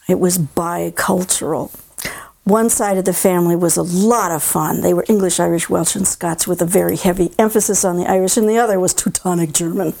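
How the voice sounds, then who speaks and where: A woman's voice: mid-range voice, vocal fry, warm tone, dry recording. A woman hosting an interview programme, speaking in articulate, carefully phrased sentences. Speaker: radio interview host. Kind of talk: scripted introduction and conversational interviewing.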